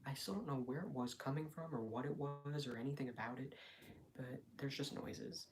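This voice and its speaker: A man talking casually and quietly on a late-night livestream from home, in a hesitant, rambling, reflective way. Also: mid-range voice, moderate pace, noisy background. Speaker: live streamer. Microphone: phone.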